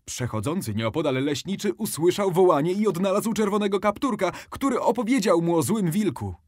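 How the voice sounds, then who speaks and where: Expressive man narrating a bedtime story. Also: high-pitched, fairly quick, no echo, studio quality. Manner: expressive, animated.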